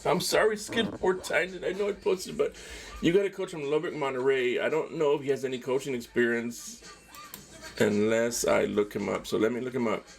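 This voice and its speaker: A man with a gravelly, fry-edged voice at an ordinary pitch, hosting his own casual sports talk show. He rambles and restarts, tosses in "uh" and "man" constantly, and gives his opinions bluntly. Faint music plays behind him. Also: steady tone, normal speed. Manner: rambling, frequent fillers, ends phrases with "man"; candid, opinionated commentary. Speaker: podcast host.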